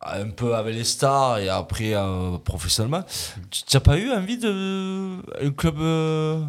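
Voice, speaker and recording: Male co-host, mid-pitched, joking asides. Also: measured pace, smooth. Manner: joking, teasing remarks. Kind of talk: casual chat.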